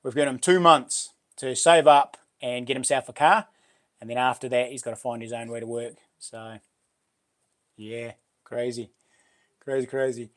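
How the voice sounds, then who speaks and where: A man's voice: medium pitch, steady tone, moderate pace, pauses often, fairly bright tone. A middle-aged man with a broad New Zealand accent, chatting casually to livestream viewers in a laid-back, slangy, matey way. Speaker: livestream host.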